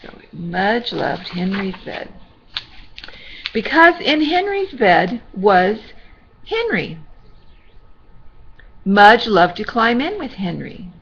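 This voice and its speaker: A sweet, gentle older woman, a grandmother reading a children's storybook aloud with reassuring, chatty asides to a child. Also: mid-range voice, big pitch swings, takes it slowly, pauses often, slightly rough, dull audio.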